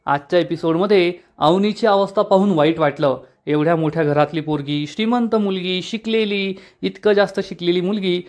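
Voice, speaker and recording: A man giving a chatty, enthusiastic recap and review of a soap episode. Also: high voice.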